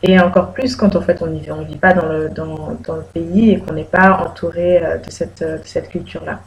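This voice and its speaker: A woman's voice: lowish voice, level tone, moderate pace, poor audio. Young woman from Switzerland, reflective, trails off, faint background noise. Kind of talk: documentary interview.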